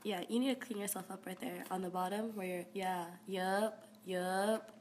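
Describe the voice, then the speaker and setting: A woman's voice: medium pitch, fairly even intonation, normal speed, a little mellow. A woman chatting casually in a giggly, reassuring way from behind the camera. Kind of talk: casual chat. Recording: faintly noisy handheld camera audio.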